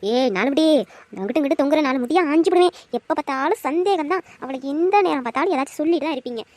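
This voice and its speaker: A woman doing a brash, sharp-tongued aunt. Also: high voice, animated, no room sound. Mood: brisk impatient. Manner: rapid, blunt, threatening insults. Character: brash, protective village aunt, quick-tongued.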